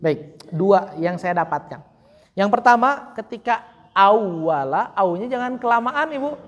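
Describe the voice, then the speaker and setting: A woman teaching Quran recitation, patiently correcting a student and slowly demonstrating sounds. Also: fairly high pitch, animated, long reverb tail. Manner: drawn-out chanted example words. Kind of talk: online recitation correction lesson.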